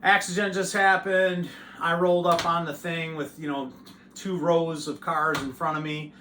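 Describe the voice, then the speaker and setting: A man who hosts his own channel, telling a story to camera in a loose, profane and animated way. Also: on the high side, moderate pace, reverberant, background noise. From United States. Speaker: channel host.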